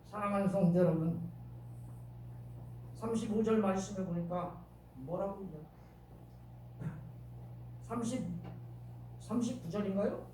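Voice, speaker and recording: A male pastor with a Chungcheong accent preaching a sermon in a church, acting out shouted lines and questioning the congregation. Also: high voice, unhurried, pauses often, slight background noise. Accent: Chungcheong Korean. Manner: dramatic, acts out shouted quotes, asks the congregation questions. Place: church sanctuary. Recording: very echoey church from a distant mic.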